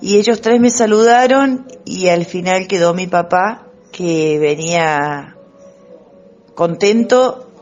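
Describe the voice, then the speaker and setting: A woman leaving a casual voice message, speaking haltingly with pauses and fillers. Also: lowish voice, a little mellow, dull audio, soft background music.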